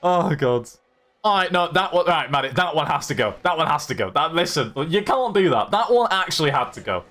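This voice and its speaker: A man's voice: a little high, very animated, fairly quick, bright, forceful tone. A young man hosting a live-streamed racing league, commenting on strategy and teasing his chat in a jokey, chatty way.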